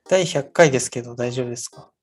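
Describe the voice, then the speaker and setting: A man in his thirties co-hosting a podcast in casual chat, rambling with many fillers in a soft, low-key way. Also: fast, slightly rough. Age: 30s. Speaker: podcast co-host. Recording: faint music underneath.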